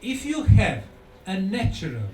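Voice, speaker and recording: A male lecturer with a high-pitched, animated voice gives a conference lecture in a hall. He speaks emphatically and deliberately, repeating key words for effect. The room is echoey, the mic is distant, and there's faint noise.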